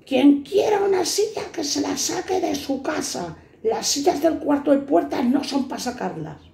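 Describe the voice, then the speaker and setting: A man's voice: extremely high pitch, animated, normal speed, creaky, a little mellow, voice pushed up, full character voice. A woman acting out a bossy male Civil Guard sergeant who barks orders in a raised voice. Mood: scolding. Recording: echoey room.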